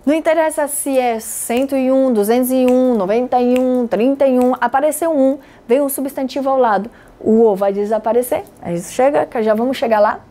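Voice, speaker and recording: Brazilian woman teaching a class online, kinda high mellow voice, lively, repeats stuff to make it stick. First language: Portuguese. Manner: lively explaining, repeats words for emphasis, addresses students directly. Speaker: Spanish teacher. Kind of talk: online lesson.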